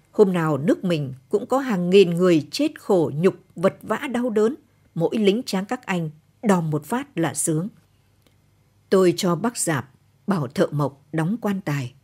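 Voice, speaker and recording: A woman with a Northern Vietnamese accent reading a short story aloud in a calm, even late-night storytelling manner. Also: lowish voice, slightly rough. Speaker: story reader. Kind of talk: scripted narration of a short story.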